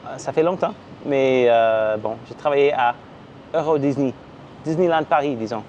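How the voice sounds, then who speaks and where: A man's voice: mid-range voice, normal speed, darkish tone. A man from Canada talks casually to camera in a vlog. He hesitates often and fills the gaps while he searches for words in a language that is not his first. The recording sounds slightly dull, and a faint air-conditioning hum runs underneath. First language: English. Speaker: vlogger.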